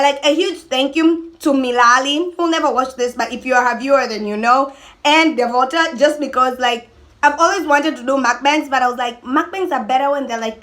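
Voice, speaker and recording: Emphatic and lively, a young adult woman chats to camera for her mukbang vlog, often cutting herself off mid-thought. Her voice is high-pitched.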